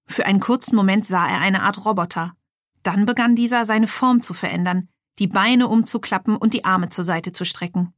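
A woman's voice: medium pitch, normal speed, no echo, clean studio sound. Woman reading a children's story. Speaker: narrator. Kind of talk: audiobook narration.

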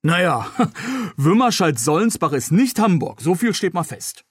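A friendly young man who jokes his way through a muddy rescue, read aloud by a man. His voice sits a little high and sounds close and dry, like a storybook reading. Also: big pitch swings, measured pace, breathy edge, no room sound, exaggerated voice. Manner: cheerful, joking. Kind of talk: read-aloud novel dialogue.

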